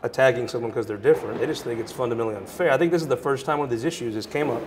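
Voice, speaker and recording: Fast-talking male political show host. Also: medium pitch, in a large hall, noisy background. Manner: quick, conversational, joking with guests. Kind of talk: political interview and panel talk.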